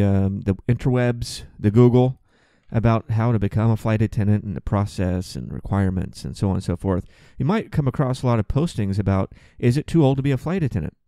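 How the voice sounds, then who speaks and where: Guy about forty doing a podcast rant, swears a lot, warm mellow voice, dry sound. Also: lowish voice, fairly quick, smooth, no room sound. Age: 40s. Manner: chatty and profane, with frequent restarts. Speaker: podcast host and flight attendant. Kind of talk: casual comic monologue.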